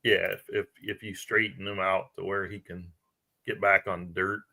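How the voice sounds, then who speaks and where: Guy doing laid-back live commentary, real bright sharp voice, kinda lowish, rambles and trails off. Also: level tone, normal speed, vocal fry. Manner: chatty, thinks aloud, trails off mid-sentence.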